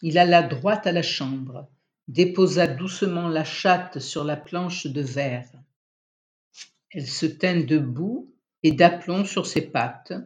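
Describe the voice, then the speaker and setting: A reader narrates a literary novel in an unhurried, measured storyteller's voice. The pace is slow and deliberate, with a mid-range pitch. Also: a little mellow. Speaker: audiobook reader.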